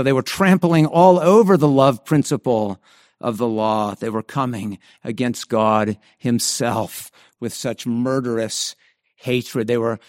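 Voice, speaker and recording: A man's voice: on the high side, no room sound, studio quality. Earnest male pastor preaching a sermon. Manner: earnest, emphatic preaching with frequent restarts and repeated phrases.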